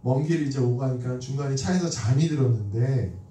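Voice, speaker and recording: A man's voice: medium pitch, fairly quick, dark tone. A man preaching a sermon in a church. He tells stories conversationally, asks the congregation questions and acts out the lines of the people in his stories. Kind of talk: sermon with storytelling. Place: church sanctuary. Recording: echoey hall from a distant mic.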